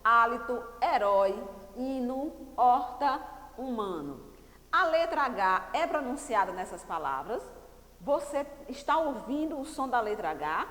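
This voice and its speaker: A woman's voice: fairly high pitch, very animated, unhurried, fairly bright tone, faint music behind. A woman with a Brazilian Portuguese accent, a primary school teacher giving a recorded lesson for children, patiently repeating key words and quizzing her pupils. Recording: echoey room with long reverb.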